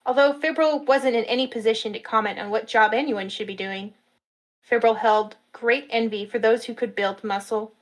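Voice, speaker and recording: A woman narrating a fantasy story in a steady storytelling manner at a live reading. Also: on the high side, normal speed, poor audio.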